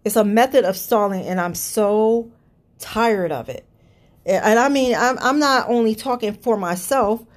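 A woman from around Cleveland runs a solo podcast where she rants about politics, cursing heavily and sounding fed up. Her voice sits a little high, and she keeps a measured pace.

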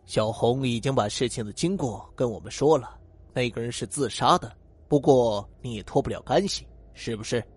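A tall, awkward policeman, played by a man narrating a story, stammering through his questions. The voice is husky and slightly low. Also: normal speed, close to an everyday voice.

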